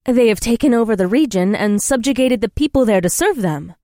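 A man's voice: extremely high pitch, animated, fairly quick, dark tone, no echo, studio quality, pitched above the performer's own voice. A man voicing a formal warrior princess. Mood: earnest, wondering. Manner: formal stilted phrasing without contractions. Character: young woman warrior princess, formal, earnest, otherworldly.

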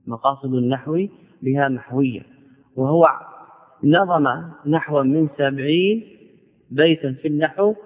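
A man teaching grammar as a sheikh, in a classical lecture style, who repeats key words slowly and asks and answers his own questions. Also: fairly high pitch. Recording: phone-like audio in a long-reverb hall.

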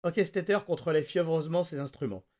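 A man hosting a podcast, reading a novel aloud with lively, dramatic narration. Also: on the high side, quick pace. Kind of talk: expressive read-aloud narration.

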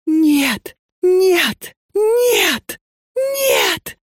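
A woman's voice: medium pitch, big pitch swings, slow, darkish tone, husky, dry recording, studio quality, voice pushed up, heavily acted. A reader voicing a frightened young female student who cries out in a desperate, strangled voice. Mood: terrified.

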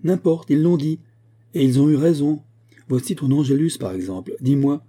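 A man reading aloud, voicing an excited young male painter who speaks in an emphatic, insistent way. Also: fairly high pitch, moderate pace, pitched above the performer's own voice, lightly acted. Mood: indignant.

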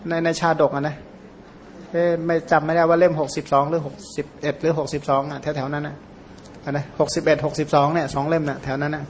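A monk whose first language is Khmer, giving an informal, rambling Dhamma talk with many fillers and self-corrections. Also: male voice, on the high side, level tone, fast, a little hiss or hum. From Surin, Thailand. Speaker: Buddhist monk teacher.

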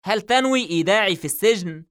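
A man's voice: brisk, pushed and bright. A man reading an audiobook novel, voicing an anxious young man who is frightened and on edge. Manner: tense and uneasy, raised pitch. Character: nervous, anxious young man under pressure.

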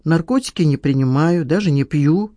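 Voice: mid-range voice, normal speed, mellow, no echo, close to an everyday voice. An audiobook reader voicing a petty, self-pitying man who whines and defends himself. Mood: whiny. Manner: aggrieved, defensive, whining. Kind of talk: audiobook dialogue.

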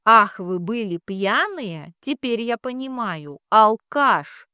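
A woman's voice: fairly high pitch, very animated, slow, bright, forceful tone, clear, resonant tone, no room sound, clean studio sound, heavily acted. A woman reading as an emotional young bride. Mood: furious. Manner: pleading, then tearful and scolding. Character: young village bride, emotional, talkative, quick to anger. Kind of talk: audiobook character reading.

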